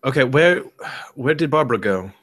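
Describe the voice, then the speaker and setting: A man's voice: medium pitch, expressive, moderate pace, a bit bright. A man playing a tabletop role-playing game, talking hesitantly with many fillers and restarts. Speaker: player. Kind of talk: casual tabletop role-play.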